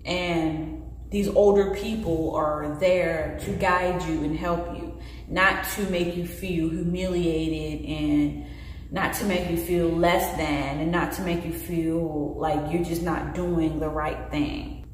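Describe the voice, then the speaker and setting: A woman's voice: deep voice, takes it slowly, slight background noise. A woman in her late twenties talks candidly and earnestly to the camera in a personal vlog, gesturing as she speaks. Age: late 20s. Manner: earnest, expressive, gestures with hands while talking. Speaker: vlogger. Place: bare indoor room. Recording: very echoey room with long reverb.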